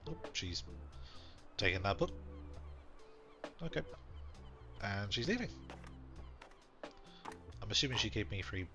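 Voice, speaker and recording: A man giving casual, unhurried let's-play commentary and reading game text aloud. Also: on the low side, very animated. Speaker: gaming channel host. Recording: game music behind voice. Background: game music.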